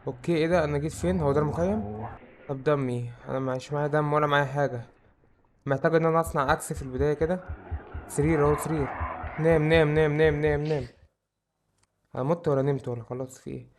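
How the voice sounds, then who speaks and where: A young man with an Egyptian Arabic accent, giving excitable let's-play commentary and joking about how scared he is. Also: fairly high pitch, very fast, long pauses, slight background noise. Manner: excitable, jokes about his own fear. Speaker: gaming YouTuber.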